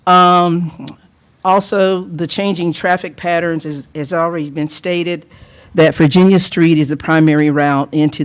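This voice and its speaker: Older nc woman speaking at city council podium, earnest and steady, bit of dry humor. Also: low-pitched. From Lenoir, North Carolina. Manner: earnest, measured, with a little wry humor. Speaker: public hearing speaker. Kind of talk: prepared public comment.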